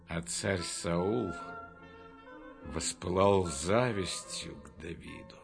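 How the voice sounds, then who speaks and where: A man narrating a Bible story for a storybook reading in a measured, expressive way. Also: fairly low pitch. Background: faint music.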